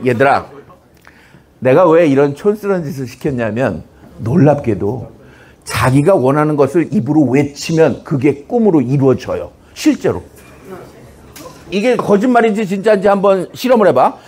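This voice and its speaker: A middle-aged comedy writer, a man, giving a humorous lecture to high school students. He is teasing and punchy, keeps asking "어?" for a reaction, and breaks into shouted examples. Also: big pitch swings, normal speed, slightly rough.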